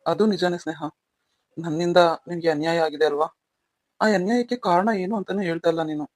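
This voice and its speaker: A man playing a guarded young husband who asks calm, probing questions. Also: a little high, brisk, no echo, lightly acted.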